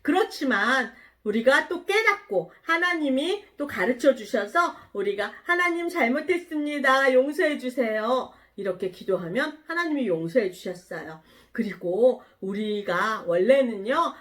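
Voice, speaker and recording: A woman pastor telling a Bible story in a children's sermon, animated and asking the children questions. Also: a little high, measured pace.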